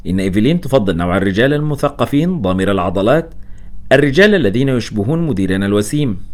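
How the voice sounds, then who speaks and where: A man's voice: on the low side, expressive, rapid-fire, lightly acted. A man voicing a sly female secretary who talks in a teasing, mischievous way.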